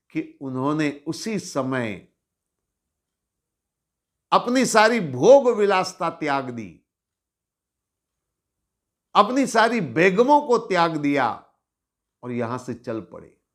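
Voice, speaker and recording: A man telling a moral story in a religious discourse, slow and expressive with dramatic rises. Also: fairly high pitch. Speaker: spiritual storyteller.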